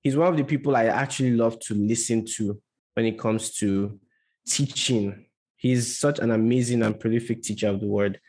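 A man's voice: medium pitch, steady tone, normal speed, a little mellow, husky. A man hosting a church gathering in an informal, conversational style, introducing a guest speaker.

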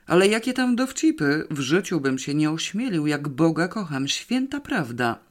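An audiobook narrator voicing an excited grown man who bursts in and pleads in a breathless rush. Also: mid-range voice, moderate pace, lightly acted. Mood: agitated.

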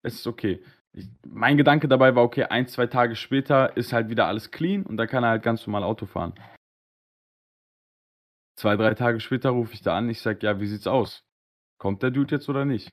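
A man hosting a casual podcast, telling a long anecdote in a slangy, animated way and acting out both sides of the conversations. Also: mid-range voice. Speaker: podcast host. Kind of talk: casual storytelling on a live-streamed podcast.

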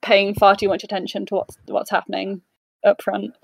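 A woman chatting casually as a player in a tabletop game, informal, animated and questioning. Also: medium pitch, normal speed, creaky, dry recording.

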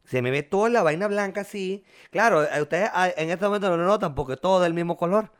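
A man's voice: high-pitched, quick pace, smooth. A Venezuelan man in his twenties, co-hosting a casual chat and telling stories with jokes and playful voices. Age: 20s. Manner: joking, animated storyteller with playful voices. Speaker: podcast co-host.

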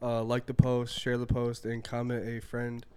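A man's voice: mid-range voice, completely flat delivery, normal speed, darkish tone, clear, resonant tone. A young man co-hosting a podcast, chatting loosely and swearing freely as he tells stories. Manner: loose, profane storytelling. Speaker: podcast co-host. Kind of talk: casual chat.

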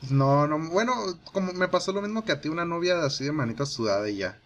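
A young man with a Mexican accent, chatting casually and making relaxed jokes. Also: on the high side, quick pace. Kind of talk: casual chat.

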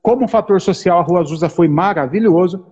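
A man, co-hosting a casual theological discussion, talking in an animated, emphatic way and repeating his points. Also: high-pitched, a little fast, slightly rough, muffled recording. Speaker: podcast co-host.

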